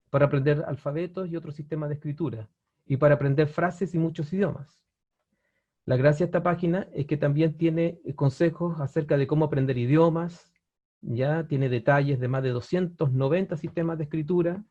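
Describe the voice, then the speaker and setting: A man presenting an online webinar lesson, his voice on the higher side but mellow and dark in tone. He explains step by step, often pausing on fillers and restarting words, and checks in with his viewers now and then. The audio is dull and lo-fi, as if from a computer mic. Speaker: language teacher presenting a webinar.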